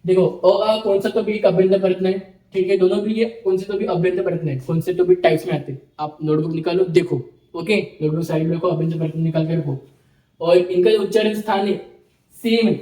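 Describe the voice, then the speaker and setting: High-pitched male teacher, roomy echo. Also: steady tone, a little fast, mellow. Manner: explains step by step, repeats terms, checks in with "ठीक है". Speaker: Sanskrit teacher. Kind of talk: online lecture.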